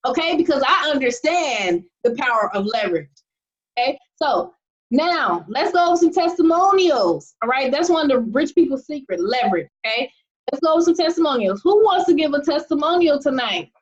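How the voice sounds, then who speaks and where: A woman with a high, sing-song voice talks at a normal speed, the highs cut off, as she hosts an online money-making video call. She presents upbeat and keeps checking in with "okay?" over and over.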